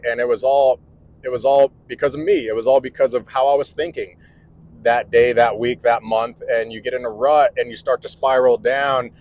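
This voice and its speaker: A man's voice: medium pitch, darkish tone, poor audio. Earnest rambling man in his forties. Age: 40s. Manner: rambling, earnest, restarts often. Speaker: electrical contractor vlogger. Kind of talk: casual vlog monologue. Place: indoors at home.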